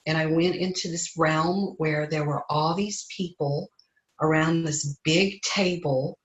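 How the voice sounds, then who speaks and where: A woman slowly and earnestly telling a personal spiritual story in conversation, halting as she goes. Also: low-pitched, steady tone. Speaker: interviewee sharing a spiritual story. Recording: echoey room.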